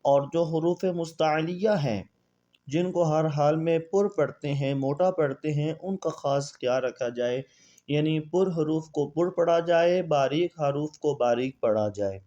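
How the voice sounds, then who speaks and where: A man's voice: on the high side, warm tone, lo-fi sound. Man drawing out Arabic letter spellings. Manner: drawn-out, sung spelling of Arabic letters between brisk explanations; asks and answers his own questions. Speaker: Quran reading teacher. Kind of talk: Quran reading lesson.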